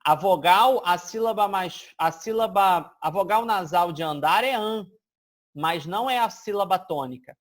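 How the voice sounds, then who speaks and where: A man with a high voice and measured pace teaches an exam-prep grammar lesson. He works through it step by step, keeps checking in with listeners, and draws out example words to demonstrate them.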